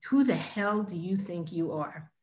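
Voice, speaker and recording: A woman's voice: fairly low pitch, lively intonation, measured pace, a little mellow, echoey room. A woman voicing her angry father as he scolds his young daughter, in a stern, scolding tone.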